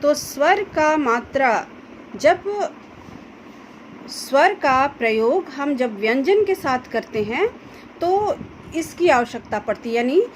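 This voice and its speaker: A woman teacher explaining a grammar lesson to students slowly, carefully pronouncing each example sound. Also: high voice, slight background noise, low-quality recording. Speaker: school Hindi teacher.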